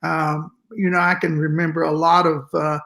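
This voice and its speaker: Older man with high-pitched West Texas twang. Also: little pitch movement, creaky, sharp tone. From West Texas, United States. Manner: folksy, halting storytelling. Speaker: interview guest, music educator. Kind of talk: conversational reminiscing.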